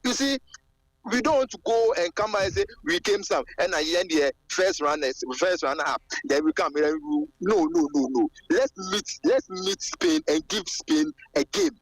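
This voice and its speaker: A man's voice: sits high, animated, moderate pace, no room sound, rough recording. A man from Ghana with a Ghanaian accent, calling a radio show over a car speakerphone while driving, talking with passion and repeating his phrases. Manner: impassioned, repeats phrases, builds to fervent exclamations. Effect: car speakerphone call. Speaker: radio caller.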